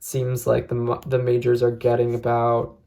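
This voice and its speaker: Gravelly creaky voice, medium pitch, casual reviewer, measured, reflective, hedging. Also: monotone, mellow. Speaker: tarot deck reviewer. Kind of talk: casual unscripted review talk.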